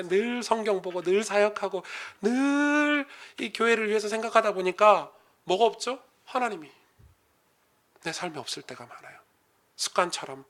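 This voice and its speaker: A middle-aged male pastor preaching a sermon, dropping to a hush and then building to loud, rising passages. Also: a little high. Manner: swings from hushed to loud and rising when preaching.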